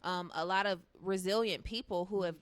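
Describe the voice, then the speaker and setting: Chatty woman singer, slightly low voice. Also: normal speed, clean tone, dry recording. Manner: chatty, with many fillers and quoted asides. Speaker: guest singer. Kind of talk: casual interview talk.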